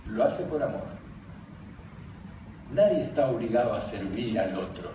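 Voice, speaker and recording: A man's voice: mid-range voice, very animated, unhurried, mellow. Older Argentine man speaking in an echoey hall. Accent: Argentine Spanish. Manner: anecdotal and jokey, laughing as he tells stories. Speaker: speaker on emotional education, former teacher. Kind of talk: conference talk. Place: large conference hall. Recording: very echoey hall, distant, background noise.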